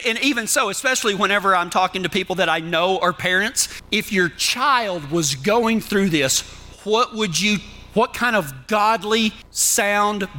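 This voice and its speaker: A Texan cowboy preacher with a slightly high, sharp voice delivers a folksy sermon built around numbered tips. He talks to his listeners plainly and with humor. There's slight background noise.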